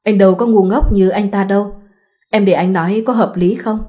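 A woman voicing a calm, reasoning young husband. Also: sits high, a little fast, natural voice.

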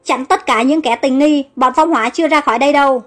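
Guard captain barking orders fast read by a woman, high voice, soft music. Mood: commanding. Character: commanding male palace guard captain.

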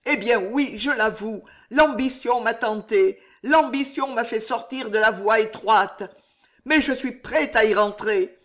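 A pleading young churchman, as a male reader puts him on, raised and quavering, words tumbling out in a stammer before a stern master. the voice sits high and moves slowly even as it begs. it is a storybook reading. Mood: fervent confession. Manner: trembling, stammering pleas. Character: young male cleric, frightened, pleading, ambitious.

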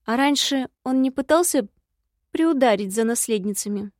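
A woman voicing a spirited young heroine in an audiobook, brisk and insistent. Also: a little high, animated, a little mellow, no echo, studio quality, lightly acted. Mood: pressing.

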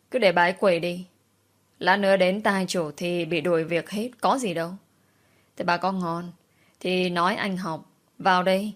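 A defiant young servant woman, voiced by a woman narrator answers back in a low, firm voice. Her words are blunt and cutting. It is a storybook telling. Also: a bit bright, lightly acted.

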